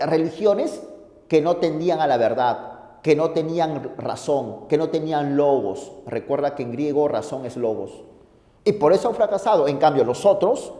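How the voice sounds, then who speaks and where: An earnest, proud male philosopher of the early church, voiced by a lecturer proclaims his faith. The voice is animated and mellow, and the room echoes with a long hall tail. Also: a little high, natural voice.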